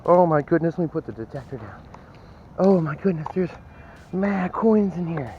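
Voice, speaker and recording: A man's voice: fairly high pitch, animated, normal speed, muffled recording, slight background noise. A man vlogging as he metal detects on a sand beach at dawn, chatting to viewers and often exclaiming. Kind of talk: casual narration to camera while detecting.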